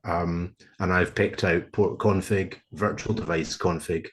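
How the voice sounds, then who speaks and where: A man on a video call presenting a technical proposal to a committee, speaking in a measured, hesitant way with frequent ums and restarts. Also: sits low, steady tone. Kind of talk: presenting a proposal over shared slides. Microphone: computer mic on a video call.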